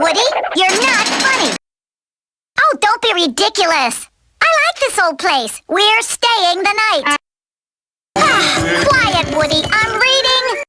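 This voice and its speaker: A woman's voice: very high voice, sharp tone, exaggerated voice. A woman voicing a spirited, bossy female cartoon woodpecker, speaking theatrically with chirpy, emphatic exclamations. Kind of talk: animated cartoon voice acting.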